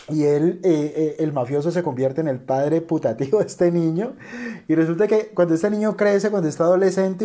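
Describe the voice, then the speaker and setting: A man's voice: a little high, warm tone. A man, an investor, reacting to a video with earnest, motivational commentary and speaking directly to his viewers.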